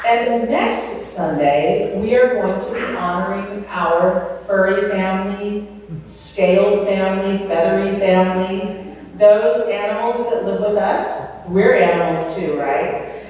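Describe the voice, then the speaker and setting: A woman's voice: medium pitch, slow pace, darkish tone, a little hiss or hum. A woman giving casual, upbeat announcements to a congregation in a chatty, informal way. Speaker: announcements host, speaker team member. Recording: echoey hall from far off.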